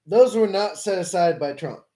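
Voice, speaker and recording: A man's voice: high-pitched, expressive, moderate pace, warm tone. A man hosting a live stream, debating politics with a caller in an explanatory way, correcting and rephrasing as he goes. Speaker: livestream host.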